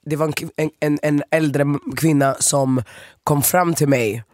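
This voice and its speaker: A man's voice: on the high side, fairly even intonation, a little mellow, no echo. A man co-hosting a radio show, telling stories in a rambling way with many fillers. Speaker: radio co-host. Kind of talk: casual radio chat.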